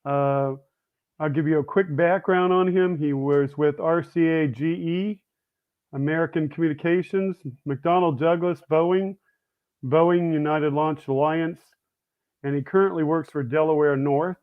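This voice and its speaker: A man's voice: fairly high pitch, steady tone, a little slow, clean tone. A man hosting a podcast interview, reading his questions plainly from a script. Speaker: podcast host. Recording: tinny phone-like line.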